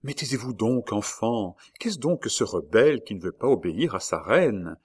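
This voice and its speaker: Young noblewoman queen, proud, hushed urgings, pitched up, as a male reader puts her on. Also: animated, normal speed, slightly rough. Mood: hushed urgent.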